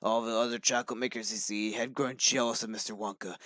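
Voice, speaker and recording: A man's voice: lowish voice, steady tone, fast talker, fairly bright tone, dry recording. A young man reading a story aloud to friends on a phone call, hammy and playful.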